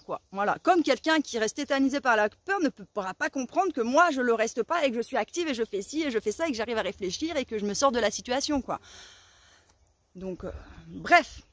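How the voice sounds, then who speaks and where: A young woman tells a story to her viewers in a high, lively voice that swoops up and down. Her speech is casual and full of slang, and she acts out her own shouting. The sound is dry and close. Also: no room sound. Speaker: vlogger.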